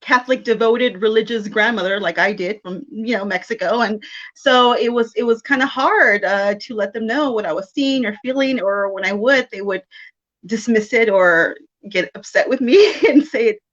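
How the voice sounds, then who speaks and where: A woman's voice: fairly high pitch, moderate pace, a bit bright, dull audio. A woman in her thirties from South Texas, a psychic medium chatting as a guest in an interview, laughing often. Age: 30s. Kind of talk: casual interview chat.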